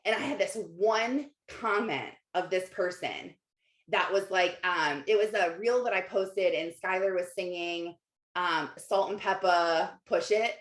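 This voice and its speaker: Her voice is lowish and a little slow as she gives a casual motivational livestream, reading comments to viewers. She coaches informally in an echoey, roomy-sounding space, making her points emphatic through repetition and rhetorical questions.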